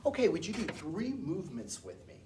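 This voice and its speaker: A woman teaching a movement class, telling a story in an expressive, animated way. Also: fairly low pitch, brisk, noisy background. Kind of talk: storytelling music lesson. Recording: distant mic, loud piano behind.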